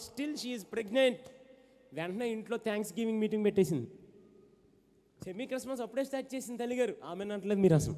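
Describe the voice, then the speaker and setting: A young man preaching a sermon, rousing his congregation to shout amen and slipping English words into his talk. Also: high-pitched. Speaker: pastor. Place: church hall. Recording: long hall reverb.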